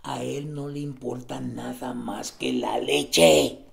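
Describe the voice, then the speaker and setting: A man preaching a sermon, swinging between loud exclamations and hushed emphasis. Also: medium pitch, steady tone, takes it slowly, creaky.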